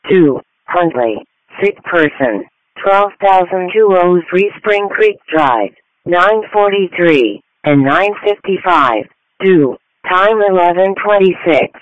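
Slow, high-pitched male dispatcher on radio. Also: expressive, no room sound, phone-quality sound. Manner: measured, formulaic call-outs. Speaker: police and fire dispatcher. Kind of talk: dispatch announcement. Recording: dry emergency radio channel audio.

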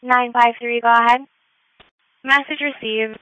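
Woman, dispatcher, police radio, tinny narrow sound, dry, fairly high voice. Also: steady tone, bright, forceful tone, clean tone, no echo. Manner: brisk, routine and businesslike. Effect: two-way emergency dispatch radio. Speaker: emergency dispatcher. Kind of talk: clipped radio dispatch calls.

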